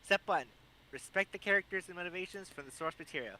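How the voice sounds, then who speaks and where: A man's voice: high-pitched, fast talker, bright, forceful tone. A man co-hosting a casual podcast chat, often stammering and restarting his sentences. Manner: stammering restarts, reads out lists. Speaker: podcast co-host.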